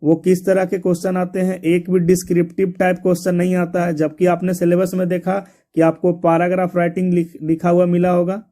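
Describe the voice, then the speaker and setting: A man's voice: sits high, monotone, a little fast, few pauses, dark tone. A man teaching an exam syllabus, repeating points and spelling words out letter by letter. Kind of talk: explaining a syllabus to students.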